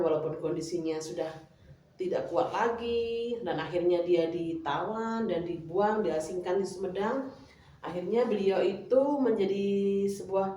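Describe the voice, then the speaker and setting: A woman with a lowish, slightly mellow voice leads a classroom lesson, coaxing her pupils along with questions. The recording has a little hiss or hum, comes from an echoey room, and the mic is far off.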